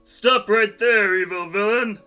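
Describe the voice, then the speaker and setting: A man's voice: sits high, fairly even intonation, a little slow. A man voicing a dim, cheerful shapeshifting blob superhero in a comic audio drama, earnest and dopey. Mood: heroic. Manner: earnest, dopey, heroic declarations. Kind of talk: comedic audio drama acting. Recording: music bed underneath.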